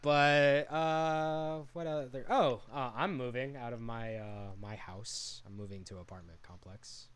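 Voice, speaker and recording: A man's voice: medium pitch, a little slow, hardly any pauses, clear, resonant tone. A man in his twenties, co-hosting a podcast with friends, casual and full of swearing. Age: 20s. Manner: swears a lot, loud outbursts. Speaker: podcast co-host.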